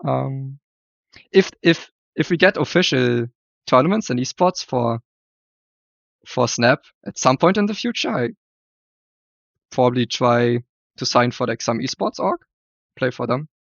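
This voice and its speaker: A man's voice: mid-range voice, lively intonation, a little slow, vocal fry, pauses often, fairly bright tone, dry recording, lo-fi sound. A man talking casually as a podcast guest, hesitant and often repeating words as he looks for them. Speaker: podcast guest, card game player. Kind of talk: casual chat.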